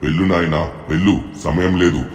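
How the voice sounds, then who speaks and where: A solemn old sage guide in a game role-play, voiced by a man, deep and gravelly and droning in a flat line. His words ring out in a long echoing hall with music underneath. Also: natural voice. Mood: solemn urging. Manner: slow solemn urging. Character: ancient wise male sage, solemn guide. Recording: echoey long reverb with music behind.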